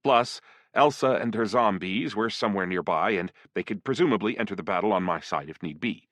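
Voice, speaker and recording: A man narrating a first-person dark fantasy audiobook in an expressive storytelling manner. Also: on the low side, a little fast, dry recording.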